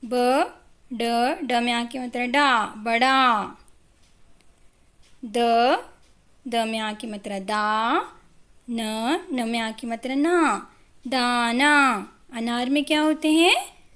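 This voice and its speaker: A woman teaching young children to read, sounding out syllables one at a time in a patient, drawn-out way. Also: on the high side, a bit bright. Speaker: primary school teacher. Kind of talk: Hindi phonics lesson for young children.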